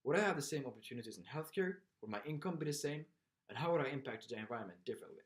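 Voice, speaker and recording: A seventeen-year-old boy from Sweden with a Swedish accent, reading a school presentation aloud in a halting way, stumbling and repeating words. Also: medium pitch, lively intonation. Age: teens. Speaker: student presenter.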